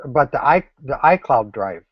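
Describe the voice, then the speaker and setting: A man's voice: mid-range voice, animated, moderate pace, husky, no echo, muffled recording. A man joining a group meeting remotely, talking hesitantly over a video call whose audio keeps breaking up and cutting out. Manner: hesitant, with many restarts and fillers. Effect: choppy video call audio, cutting in and out. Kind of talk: casual group discussion.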